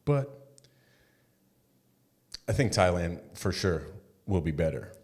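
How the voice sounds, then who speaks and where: A very deep-voiced man co-hosts a podcast, chatting casually in a laid-back, blunt style and swearing offhandedly. He takes it slowly, with a relaxed, conversational delivery.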